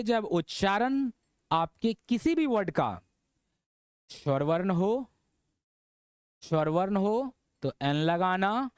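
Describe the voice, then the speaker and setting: A man talks through a grammar lesson in a fairly high, clear, resonant voice. He keeps quizzing the viewer and tags his points with "है ना". The sound is dry and close, with almost no room echo. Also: a little mellow. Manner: repetitive, checking in with "है ना" and quizzing the viewer. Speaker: English grammar teacher. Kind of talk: classroom-style lesson.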